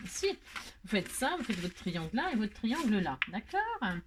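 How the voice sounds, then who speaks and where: A woman's voice: mid-range voice, very animated, normal speed, noisy background. A woman hosting a crafting tutorial, talking casually step by step, self-mocking and checking in with the viewer often. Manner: chatty, self-mocking, asks "hein?" and "d'accord?" often.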